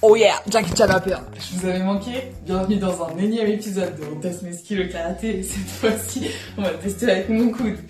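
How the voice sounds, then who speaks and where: A woman's voice: medium pitch, brisk. A young woman hosting a playful mock show, boastful in fun and laughing. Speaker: vlogger. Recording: echoey room, from a distance. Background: loud music.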